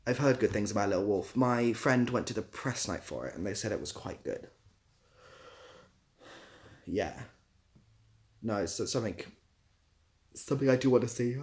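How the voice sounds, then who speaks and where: A man who creates ASMR content and works as a theatre assistant producer hosts a casual livestream, answering viewer comments informally and rambling as he searches for words. His voice is on the low side, animated and dark in tone, at normal speed with frequent pauses.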